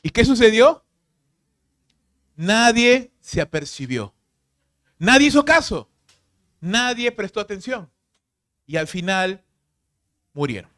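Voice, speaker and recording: A man pastor preaching a sermon, emphatic and full of rhetorical questions, swinging from loud to hushed. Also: very high-pitched.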